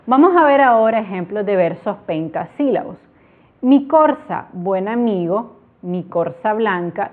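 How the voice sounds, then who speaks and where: Woman teacher with a tinny phone-like sound. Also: medium pitch. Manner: explains step by step, clapping out syllables. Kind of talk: online grammar tutorial.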